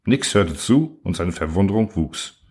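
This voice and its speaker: Male audiobook narrator, low voice, measured storytelling. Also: animated, a little mellow, breathy edge. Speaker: audiobook reader. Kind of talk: scripted narration.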